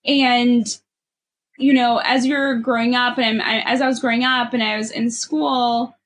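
Her high-leaning voice is level, measured and a bit bright: a young Ethiopian woman with a Valley girl accent from California, appearing as a guest. She opens up candidly about personal matters, peppering her talk with "like" and "you know."

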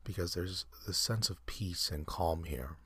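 Very deep husky whispering man. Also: dry recording, studio quality. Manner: soft, halting, many fillers. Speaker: ASMR host. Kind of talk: whispered guided meditation.

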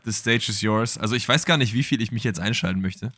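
A man co-hosting a casual football podcast, excitedly recounting match highlights with plenty of fillers. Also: fast, husky, dry recording. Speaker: podcast co-host.

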